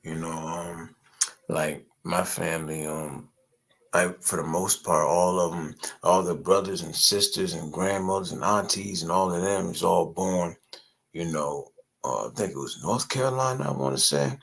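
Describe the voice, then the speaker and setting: Deep raspy dude hosting a laid-back chat, lots of "you know". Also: male voice, normal speed, a bit bright. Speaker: channel host. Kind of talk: casual call-in chat.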